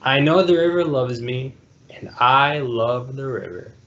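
Reading a kids' picture book aloud on a video call, this man hosting storytime speaks unhurriedly in a mid-range, slightly bright voice. Sound quality is dull and lo-fi.

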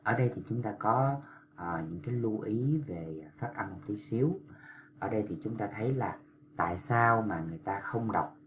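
A man's voice: fairly low pitch, lively intonation, fairly bright tone, slight background noise. A man teaching Korean pronunciation, patiently repeating and drawing out syllables. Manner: patient, repetitive, drawn-out demonstrations of pronunciation. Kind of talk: explanatory lesson for language learners.

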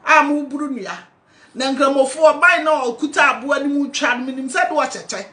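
A woman's voice: sits high, a little fast, bright, forceful tone. An older Ghanaian woman speaking to a phone camera indoors, scolding, pleading and preaching at someone in an impassioned address. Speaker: party supporter. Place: indoor room at home. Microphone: phone camera close up.

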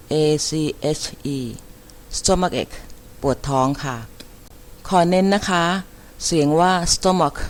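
A woman teaching an English vocabulary lesson, repeating each word and spelling it out letter by letter with careful, deliberate enunciation. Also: low voice, slight background noise. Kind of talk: slow vocabulary lesson, spelling words aloud.

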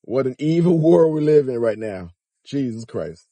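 A man's voice: medium pitch, expressive, normal speed, mellow, slight background noise. A middle-aged man giving informal commentary in a car, emphatic and challenging, with incredulous rhetorical questions. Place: inside a car.

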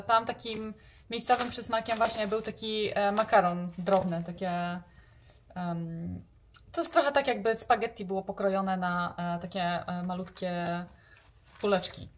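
A woman in her thirties talking casually to the camera in her home kitchen, chatty and relaxed with many pauses. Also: mid-range voice, slight background noise. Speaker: vlogger. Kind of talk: casual vlog talk. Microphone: camera close, handheld framing.

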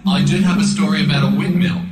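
A man, a radio comedy host, performing a deadpan, playful sketch. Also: a little high, quick pace, over a noisy crowd. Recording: very echoey with loud music.

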